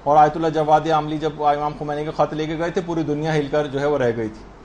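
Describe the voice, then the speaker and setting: A man's voice: a little high, little pitch movement, a little mellow, dull audio, slight background noise. A man teaching a religious lesson in an earnest, explanatory way, demonstrating how words should be pronounced. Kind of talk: lecture on prayer to a female audience.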